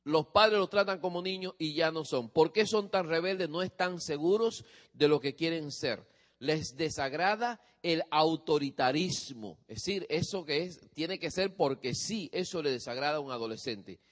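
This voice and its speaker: A man's voice: a little high, moderate pace, big-room sound. A man giving a lecture on parenting to a live audience, often asking his listeners questions. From from a different country than his audience. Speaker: speaker on parenting teens.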